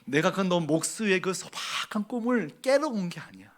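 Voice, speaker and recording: A man voicing God as a tender, fatherly figure, speaking in a hushed voice that sometimes drops to a whisper. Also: high voice, expressive, moderate pace. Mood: reassuring.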